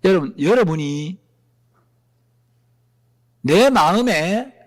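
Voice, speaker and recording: Animated pastor preaching in a reverberant hall. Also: male voice, high-pitched, slow. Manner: animated, with rhetorical questions to the congregation. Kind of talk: sermon.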